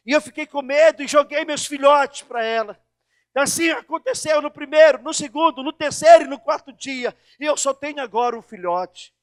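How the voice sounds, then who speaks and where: A preacher doing a small mother songbird in a church fable, protective of her chicks and easily frightened. The voice is very high and sits dry and near. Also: no room sound. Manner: indignant, fearful.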